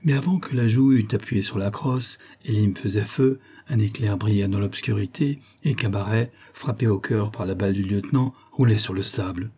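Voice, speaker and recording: Husky low male audiobook narrator. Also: dark tone. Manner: measured, dramatic reading. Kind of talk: scripted narration.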